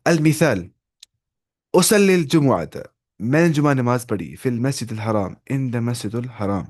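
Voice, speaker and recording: A man teaching an online Arabic lesson in with English words mixed in, reading Arabic phrases slowly and then explaining them. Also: medium pitch, animated, a little mellow.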